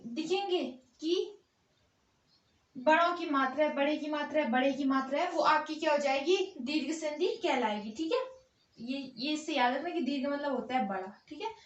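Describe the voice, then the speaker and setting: A high-pitched woman with an Uttarakhand Hindi accent explains grammar at an unhurried pace, asking a question and then answering it herself. The sound is dull and lo-fi, caught in a roomy, echoing space. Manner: asks questions and answers them herself, repeating "theek hai". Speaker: teacher. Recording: echoey room, dull lo-fi sound.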